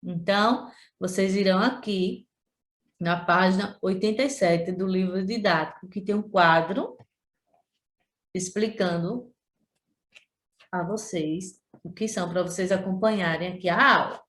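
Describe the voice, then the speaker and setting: A woman's voice: medium pitch, fairly bright tone. A woman teacher from Sergipe with a Brazilian accent, giving a remote lesson to children, repeating points and drawing out syllables. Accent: Brazilian Portuguese, Sergipe. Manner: slow, drawn-out syllables when pronouncing example words; addresses pupils directly, repeats points. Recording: echoey room.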